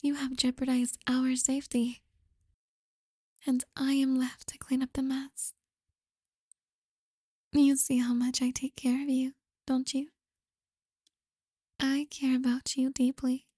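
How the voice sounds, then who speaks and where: A woman playing a possessive, manipulative girlfriend in an ASMR role-play, soft and breathy, with a creepy, coaxing, controlling manner. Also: high voice, little pitch movement, slow, long pauses, dry recording, clean studio sound. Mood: quietly menacing. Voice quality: soft, breathy, often soft-spoken. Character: possessive, manipulative yandere girlfriend, sweetly menacing.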